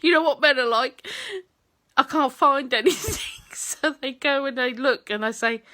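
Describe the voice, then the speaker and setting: A woman's voice: high-pitched, normal speed, bright, forceful tone. A woman telling a story to camera from her front room at home, laughing often and swearing freely. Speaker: vlogger.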